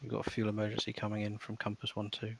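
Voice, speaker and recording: A man with a low voice in a flight sim chat. He speaks in a completely flat monotone, dry and matter-of-fact. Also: fast, vocal fry, slight background noise. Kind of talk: casual chat and radio calls.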